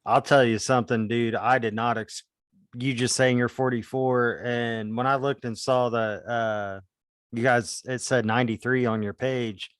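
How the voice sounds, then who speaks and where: A laid-back man in his thirties hosts a podcast, dropping casual swears and short reactions. His voice sits at an ordinary pitch and sounds dry and close. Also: fairly even intonation, a little slow, no room sound. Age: 30s. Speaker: podcast host. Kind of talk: casual interview chat.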